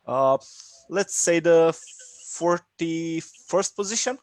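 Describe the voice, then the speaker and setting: Brief, attentive host on a dry call. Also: male voice, fairly high pitch, slow pace, no room sound. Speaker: host of a live Q&A. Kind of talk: live video Q&A. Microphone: video call.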